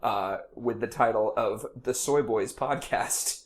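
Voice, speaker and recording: Cooking as he talks, this podcast co-host keeps things light with jokes and the occasional silly voice. He has a mid-range voice and takes it slowly, recorded in a home kitchen with a bit of faint noise behind him.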